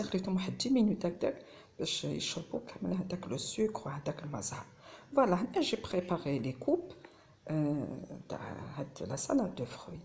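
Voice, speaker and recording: A woman's voice: on the low side, darkish tone. A woman with an Algerian accent mixing Arabic and French, chatting casually through a home cooking vlog. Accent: Algerian Arabic mixed with French.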